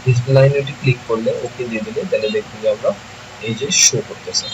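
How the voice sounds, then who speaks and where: A man, teaching software in a screen-recorded tutorial, thinking aloud and often checking that listeners follow. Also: mid-range voice, steady tone, fast talker, muffled recording. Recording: noisy home recording.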